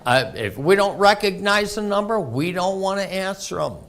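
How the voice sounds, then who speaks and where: A man's voice: sits high, expressive, moderate pace, fairly bright tone. A man preaching a folksy sermon full of anecdotes. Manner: folksy, anecdotal, laughs often. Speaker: pastor.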